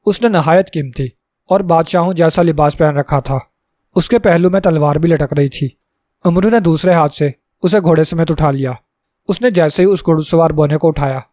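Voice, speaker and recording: Man, storyteller, storybook narration, steady dramatic reading, fairly high voice, dry close sound. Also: no room sound.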